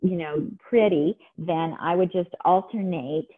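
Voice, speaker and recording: Middle-aged woman, chatty cooking demo, low voice, tinny call line. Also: unhurried, slightly rough. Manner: chatty, enthusiastic. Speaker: cooking demonstrator. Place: home kitchen. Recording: tinny phone-like video call audio.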